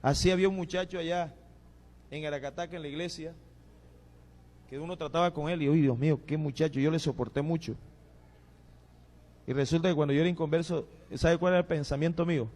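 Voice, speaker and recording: A man's voice: a little high, a little fast, pauses often. A man preaching a sermon in a church, telling stories and acting out the voices of the people he quotes. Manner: storytelling, animated, acts out quoted voices. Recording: long reverb of a church hall.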